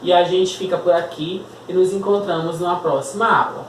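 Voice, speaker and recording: A woman's voice: on the low side, fairly even intonation, fairly quick, slight background noise. A Brazilian woman teacher with a Brazilian Portuguese accent, giving a recorded lesson, patiently spelling out words and checking in with tag questions. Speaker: school teacher. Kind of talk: recorded remote class lesson. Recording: echoey room, voice a bit far from mic.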